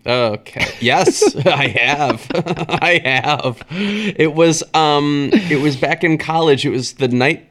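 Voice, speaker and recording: This podcast co-host chats casually in a fairly high-pitched, fairly bright voice at a slow pace. He rambles and hesitates, filling gaps with lots of fillers while searching for words.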